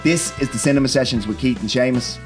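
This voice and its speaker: A podcast host from Dublin, Ireland, chats about films in a casual, sweary, informal way, often tacking on "do you know what I mean." His medium-pitched voice moves at a quick pace, with music in the background.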